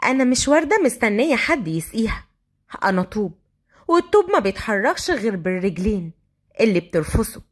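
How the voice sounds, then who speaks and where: A woman voicing a defiant young tissue seller with an Egyptian accent, talking in a quick, sharp-tongued way. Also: mid-range voice, sing-song.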